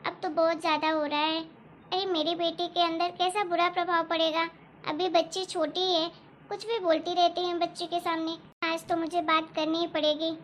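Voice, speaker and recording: A woman voicing a caring mother in a family story, soft-spoken and steady. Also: extremely high pitch, slight background noise. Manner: soft, soothing. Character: gentle loving mother of a young daughter. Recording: dull lo-fi recording.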